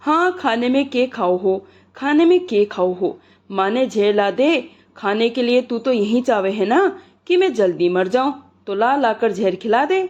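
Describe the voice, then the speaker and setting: Woman playing a sick old father-in-law, indignant, exasperated, highish voice, muffled sound. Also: animated, unhurried, a little mellow. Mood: angry.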